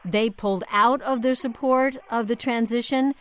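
A woman's voice: on the high side, normal speed. A woman hosting a live news interview from a studio, summarising and probing in a conversational way. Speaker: news programme host. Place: dry studio.

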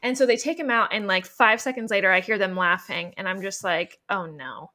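A woman's voice: medium pitch, steady tone, a little fast, bright, forceful tone. A woman co-hosting a podcast, casually telling stories, swearing freely and laughing often. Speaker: podcast co-host. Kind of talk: casual chat. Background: her dog on camera.

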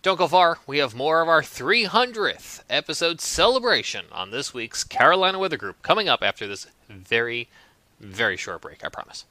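A man's voice: on the high side, big pitch swings, normal speed, bright, forceful tone, dry recording. A man hosting a show, moving between polished links and casual banter. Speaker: show host.

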